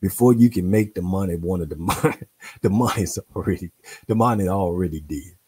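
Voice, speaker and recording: A man's voice: low voice, fairly quick, a little mellow, slightly rough. A man hosting a show, reading from a book and breaking off into preachy, playful slang commentary with exclamations and repetitions. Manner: speaks in informal slang. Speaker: host.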